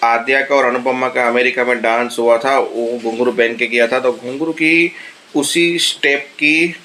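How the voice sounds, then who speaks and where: A man giving a casual, animated recap of a TV serial episode, retelling the characters' lines. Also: medium pitch, normal speed, a little hiss or hum. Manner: animated retelling of dialogue with laughter.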